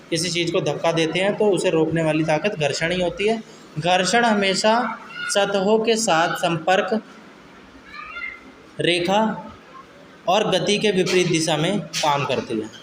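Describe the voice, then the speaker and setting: A male science teacher giving a classroom lecture. He dictates slowly, then explains with everyday examples, often checking in with "okay", and scolds students firmly. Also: high-pitched. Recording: echoey classroom with background noise.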